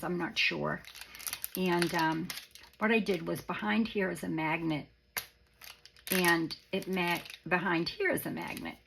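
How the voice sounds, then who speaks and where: Woman showing off crafts, raspy croaky voice thats going, kinda low, rambly and casual. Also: noisy background. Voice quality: raspy, worn voice. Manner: halting, rambling, informal. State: voice starting to go after illness. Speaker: craft video presenter. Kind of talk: casual show-and-tell of a handmade journal.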